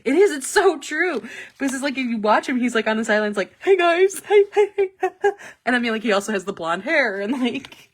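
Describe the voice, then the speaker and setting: A woman hosting a casual live stream, talking excitedly and laughing often, with lots of "like" fillers. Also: a little high, quick pace. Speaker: planner stencil shop host. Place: office. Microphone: live-stream webcam mic.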